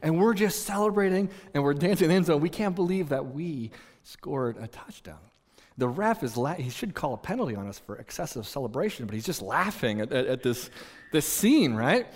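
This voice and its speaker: Pastor guy telling stories, slightly high voice, long echoey church hall. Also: a little fast. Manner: animated, storytelling, many restarts, conversational. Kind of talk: sermon with storytelling. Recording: long reverb in a large hall.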